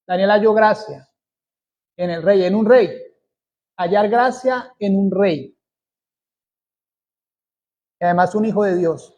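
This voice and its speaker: A man from Colombia preaches a sermon at an unhurried pace. His voice sits high yet sounds mellow and dark in tone. He stresses his points by repeating phrases deliberately. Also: highs cut off. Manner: slow, deliberate preaching with emphatic repetition.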